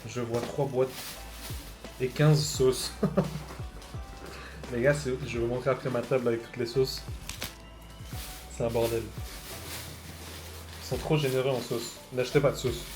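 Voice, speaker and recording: A young man, animated, tasting fast food in a casual vlog and swearing loudly at bad food. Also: mid-range voice, over music, low-quality recording. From Switzerland. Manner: animated, loud bursts of disgust, swearing. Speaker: food vlogger.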